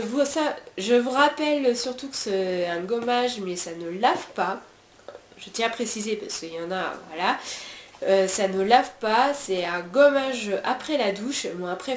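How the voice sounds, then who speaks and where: A French woman with a French accent reviewing beauty products in a casual chat, talking freely with many fillers and restarts. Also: on the high side. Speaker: beauty vlogger. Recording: roomy echo, faint background hiss.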